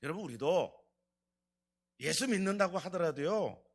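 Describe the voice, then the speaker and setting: A man preaching with fervor in a church sanctuary. His voice sits high and swings widely, rising and falling as he puts question after question to the congregation and acts out little quotes. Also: lively intonation, normal speed, creaky. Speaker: pastor. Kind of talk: Friday night revival sermon.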